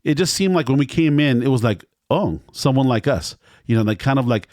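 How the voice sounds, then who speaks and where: A man's voice: mid-range voice, animated, brisk, darkish tone, dry recording, studio quality. A man recounting a restaurant visit in a casual, rambling way. He repeats himself and acts out what the staff said. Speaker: restaurant reviewer.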